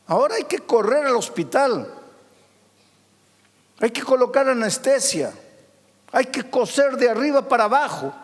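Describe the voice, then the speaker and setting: A male pastor preaching a dramatic sermon, swinging from loud outbursts to hushed, soft passages. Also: very high voice. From Peru. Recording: long hall reverb.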